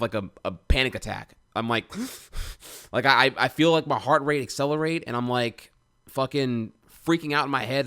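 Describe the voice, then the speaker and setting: A man's voice: on the low side, a bit bright. A young man telling a personal story in a candid, rambling way, with many restarts and frequent swearing. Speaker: streamer.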